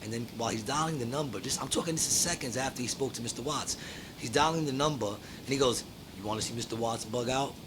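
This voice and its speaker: A man hosting a casual podcast, an animated and profane storyteller who laughs often and acts out the people in his story. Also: mid-range voice, fast talker, noisy background. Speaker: podcast host. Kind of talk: casual chat.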